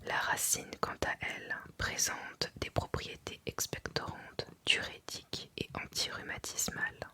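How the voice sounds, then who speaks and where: Very slow, bright whispered ASMR reading. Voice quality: breathy, unvoiced whisper. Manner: slow, careful reading with deliberate pauses. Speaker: ASMR reader.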